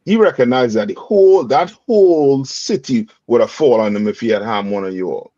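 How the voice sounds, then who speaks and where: A man leads a call-and-response scripture reading, cutting in with emphatic commentary and rhetorical questions while repeating "read on" and "you understand." His mid-range voice is animated, brisk and warm, captured in dull, dry lo-fi sound.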